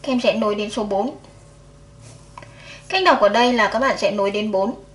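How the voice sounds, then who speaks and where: A woman teacher leading a first-grade math lesson, counting aloud slowly and patiently for young children. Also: medium pitch. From Vietnam.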